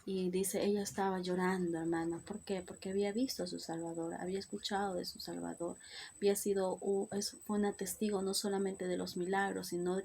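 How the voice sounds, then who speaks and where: A woman preacher gives an earnest devotional Bible teaching, repeatedly calling her listener "hermana" and asking "¿verdad?", with slips and restarts. Her medium-pitched voice is flat, brisk, gravelly and a little mellow.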